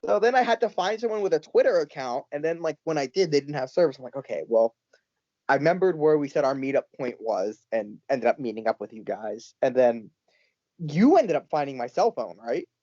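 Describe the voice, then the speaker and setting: Man, podcast guest, animated storyteller with a lively pitch and a dry, dull lo-fi sound. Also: brisk, dry recording. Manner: animated storyteller, acts out quoted lines. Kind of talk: casual storytelling.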